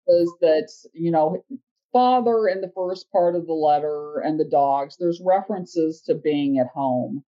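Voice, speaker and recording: A woman's voice: low-pitched, unhurried, lo-fi sound. A woman co-host on a podcast, thinking aloud and picking apart a text with many fillers. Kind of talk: casual podcast discussion.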